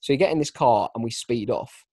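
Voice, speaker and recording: Animated young man telling a story. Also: mid-range voice, fairly quick, breathy edge, dry recording. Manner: animated, self-mocking. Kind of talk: casual anecdote telling.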